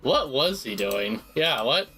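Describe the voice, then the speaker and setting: A man's voice: mid-range voice, very animated, slow pace, vocal fry, sharp tone, soft background music, poor audio. A man streaming a visual novel, reading the game text aloud and reacting with casual swearing. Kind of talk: casual let's-play commentary.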